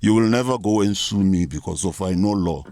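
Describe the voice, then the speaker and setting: A man's voice: low-pitched, fairly quick, warm tone, dry recording, clean studio sound. A man ranting in a boastful, profane comic monologue to camera, posing as a reverend, with frequent stutters and restarts. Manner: profane, boastful, mock-courtroom rant with many stutters and restarts. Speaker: self-styled reverend vlogger.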